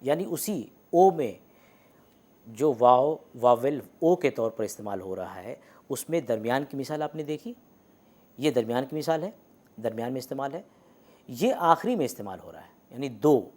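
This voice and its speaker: A man teaching letters and vowels in a recorded lecture. He explains patiently, says the example words slowly and repeats them, and often checks in with the class. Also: mid-range voice, lively intonation, a little mellow. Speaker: Urdu language teacher.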